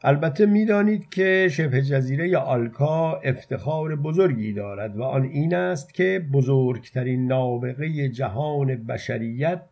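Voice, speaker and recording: A man's voice: medium pitch, creaky, dull audio. Man playing a pompous boastful city guide. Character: boastful male city guide showing off monuments.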